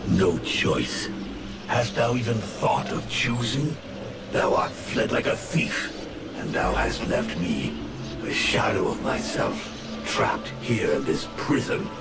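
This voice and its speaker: An actor playing an imperious ancient flame spirit in a video game, declaiming accusations in grandiose archaic speech. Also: male voice, on the low side, sing-song, slow pace, full character voice. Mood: accusing. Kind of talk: video game character acting. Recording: distant-sounding voice under very loud music.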